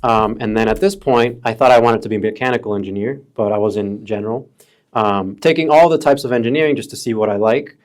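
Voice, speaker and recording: A man's voice: fairly low pitch, quick pace. Laid-back man in his thirties. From Chicago area, US. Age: 30s. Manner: laid-back, calls friends bro and dude. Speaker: podcast guest. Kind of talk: casual storytelling chat.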